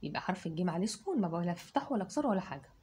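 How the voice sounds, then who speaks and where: A woman's voice: lowish voice, sing-song, racing, mellow, breathy edge. A woman teacher with an Egyptian accent, giving a spelling and dictation lesson to children, sounding out letters and syllables one by one. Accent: Egyptian Arabic.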